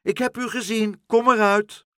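A man's voice: on the high side, very animated, brisk, no echo, clean studio sound. A man reading a storybook, voicing an earnest, brave little boy. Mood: calling.

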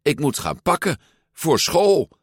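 A man's voice: mid-range voice, big pitch swings, measured pace, dry recording, clean studio sound, pitched above the performer's own voice. Een man die een uitbundig tienermeisje voorleest in een verhalenboek. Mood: eager. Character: excitable teenage girl, bold and bossy.

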